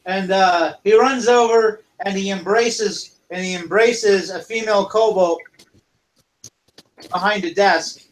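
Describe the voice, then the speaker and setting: A man with a high voice narrating a tabletop game as dungeon master. He talks casually and rambles, often restarting his sentences. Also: takes it slowly, low-quality recording.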